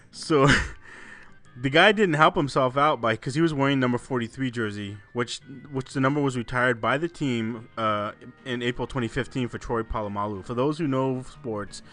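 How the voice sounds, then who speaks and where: A man's voice: medium pitch, normal speed, fairly bright tone, soft background music. A man hosting a casual podcast, telling rambling anecdotes, often breaking into laughter and swearing freely. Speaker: podcast host.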